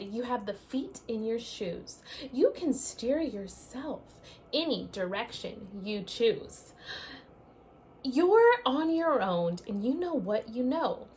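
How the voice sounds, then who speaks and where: A woman teacher reads aloud from a picture book to young kids, talking directly to them in an animated, sing-song way. Her voice is a little high, and the recording is rough, with slight background noise.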